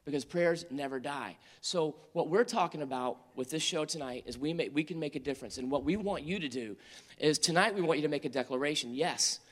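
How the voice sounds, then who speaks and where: A man preaching to teenagers in an earnest storytelling manner, rising to urgent appeals and dropping to quiet, tender moments. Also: on the high side, fairly quick. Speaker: youth pastor. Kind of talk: sermon to teenagers. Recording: long hall reverb.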